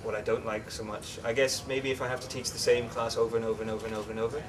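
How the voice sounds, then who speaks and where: A young English-born man raised in the Netherlands, talking as an interview guest in a relaxed, chatty way with many fillers and restarts. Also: medium pitch, racing. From England, raised in the Netherlands. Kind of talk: casual interview chat. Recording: distant mic with clear background noise.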